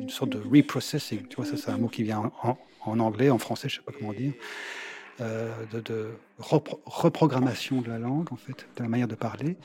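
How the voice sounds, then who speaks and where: Man, mid pitch, measured and slightly halting, personal interview account. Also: darkish tone.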